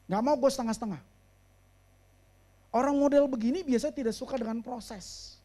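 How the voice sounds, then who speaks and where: A man preaching a sermon and speaking as a therapist. He mixes English phrases into his speech, slows down and raises his voice to stress a point, and drops low and quiet for serious moments. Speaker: pastor and therapist.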